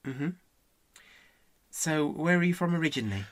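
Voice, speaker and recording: Woman interviewer, dry sarcastic delivery, lively intonation, dry close sound. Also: low voice, moderate pace, no room sound. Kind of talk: comedy sketch interview.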